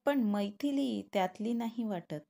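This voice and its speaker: A woman's voice: mid-range voice, unhurried, vocal fry, mellow, voice pushed up. Woman doing a wry young male engineer.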